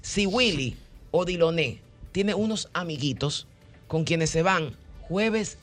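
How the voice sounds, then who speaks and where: A woman hosting a radio talk show, explaining with animated role-played examples. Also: on the low side, slow pace, soft background music. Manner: animated, acts out callers' voices, teasing.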